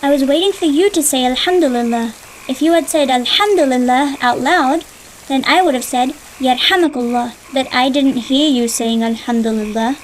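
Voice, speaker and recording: A woman's voice: high-pitched, normal speed, a little hiss or hum, natural voice, low-quality recording. A woman voicing an older sister in a dubbed cartoon, patiently explaining things to her little brother. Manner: explaining, gently teaching, a little impatient.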